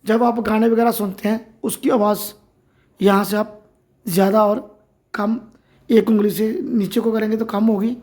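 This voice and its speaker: A man's voice: sits high, flat delivery, moderate pace, darkish tone. An Indian man giving an informal phone tutorial, explaining each step as he goes. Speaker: tutorial presenter.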